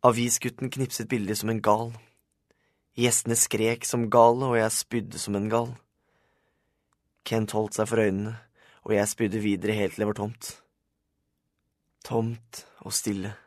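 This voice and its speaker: A man's voice: fairly low pitch, flat delivery, long pauses, no echo, clean studio sound. Man narrating a children's audiobook. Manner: plain, storytelling. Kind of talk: scripted first-person narration.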